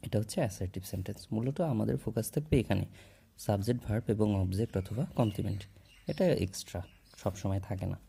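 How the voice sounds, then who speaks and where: A man's voice: fairly low pitch, fairly even intonation, fast talker, creaky, warm tone, husky. A man explaining English grammar in a casual classroom way, mixing in English terms and checking in with "okay?" often while he writes. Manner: writes on a board while talking.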